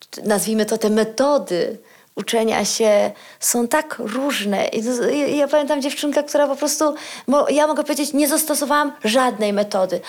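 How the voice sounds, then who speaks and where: A woman hosting a podcast interview, asking questions and encouraging her guest with affirming murmurs. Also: sits high. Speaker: podcast host.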